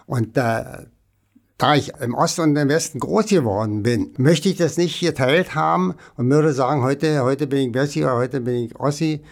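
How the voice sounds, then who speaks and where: Gravelly old man, chatty. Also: medium pitch, moderate pace. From Berlin, Germany. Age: 80s. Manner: chatty, rambling with many fillers. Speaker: interview guest. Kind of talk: casual interview chat.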